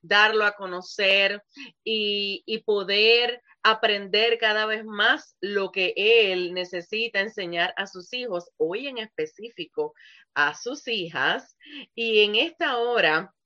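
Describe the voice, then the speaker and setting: A woman's voice: mid-range voice, slow, sharp tone, dull audio. A woman pastor hosting a live online ministry broadcast, speaking fervently and praying, often checking in with "¿verdad?". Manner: fervent, keeps asking "¿verdad?". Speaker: pastor and show host.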